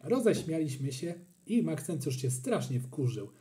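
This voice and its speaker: A man narrating a children's storybook in an expressive, animated manner. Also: fairly high pitch, normal speed. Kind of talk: storybook reading.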